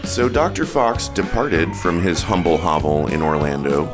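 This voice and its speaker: A man's voice: sits low, very animated, moderate pace, loud music behind the voice. A man playing a wry storybook-style narrator, reading scripted comic narration.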